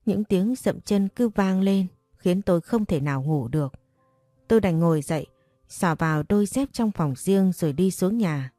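A woman narrating a first-person audiobook story in a steady, subdued way. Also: on the low side, normal speed, no room sound, clean studio sound. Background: faint background music.

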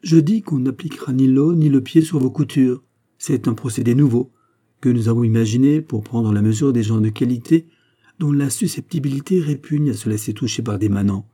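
A polite, clever playwright in a classic storybook, as a male reader plays him. He is courteous and ingratiating. The voice sits a little higher than the reader's dark, husky one. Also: brisk, natural voice.

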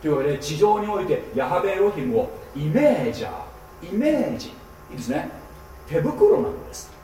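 Animated man preaching in an echoey hall. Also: sits high, fairly quick, slight background noise. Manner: animated teaching with frequent rhetorical checks. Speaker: pastor. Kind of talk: seminar sermon. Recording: echoey hall, mic at a distance.

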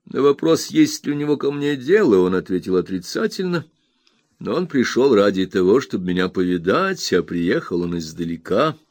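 A man reading a classic novel aloud as an audiobook narrator, measured and storytelling. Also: lowish voice, very animated, a little mellow, no echo, clean studio sound.

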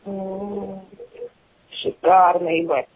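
A woman's voice: mid-range voice, level tone, drawn-out words, slightly rough, no room sound. A woman of nineteen from Russia on a phone call, aggressive and swearing nonstop. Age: late teens. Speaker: prank call target. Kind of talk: angry phone conversation. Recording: tinny dry phone line.

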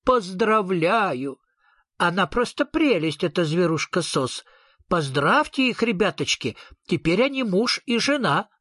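A man's voice: sits high, sing-song, measured pace, bright, forceful tone, no echo, clean studio sound, full character voice. A man voicing a gushing, sentimental female storybook creature with tearful exclamations.

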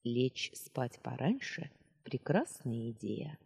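Slow, low-voiced woman audiobook narrator. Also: vocal fry, slightly rough, long reverb tail. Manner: expressive, ironic storytelling. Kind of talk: first-person audiobook narration.

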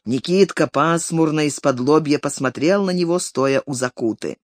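A narrator reading a classic literary story aloud in an expressive audiobook style. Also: medium pitch, moderate pace, no echo, clean studio sound. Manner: expressive, varied intonation.

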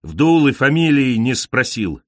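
A man puts on a brash, foul-mouthed storybook pigeon, cocky and crude, who stretches out each jeer in a raised, slow, mocking voice. The sound is close and dry, with no room around it. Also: mid-range voice, sing-song, dry recording. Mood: sulky. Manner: crude, mocking, drawn-out jeers.

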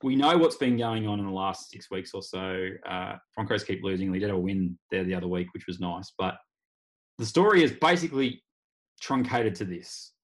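A man's voice: sits low, moderate pace. An Australian man hosting a casual sports podcast, talking in a wry, rambling way. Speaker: podcast host. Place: remote video call.

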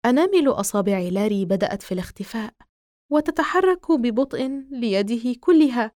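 A woman narrating a horror novel in the first person as an audiobook, in a steady, measured reading. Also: on the high side, no room sound, clean studio sound.

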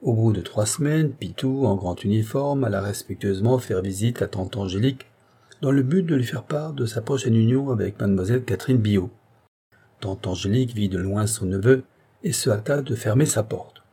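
Mellow, husky-voiced male narrator. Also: fairly low pitch, normal speed. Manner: steady, expressive literary reading. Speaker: audiobook narrator. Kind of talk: reading a classic novel aloud.

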